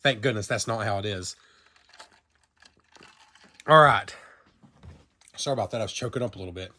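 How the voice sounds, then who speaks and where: Handling a vinyl toy and talking to himself, a man from the American South rambles through a casual review full of fillers and self-corrections in his Southern accent. His voice is on the low side, with a sharp tone, at normal speed.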